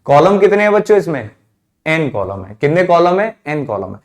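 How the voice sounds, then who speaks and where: A man's voice: a little high, big pitch swings, moderate pace. A man teaching a math class, who keeps asking the students questions and then answers them himself, repeating the key terms. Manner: calls students "children", drops his voice at answers. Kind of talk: classroom lecture.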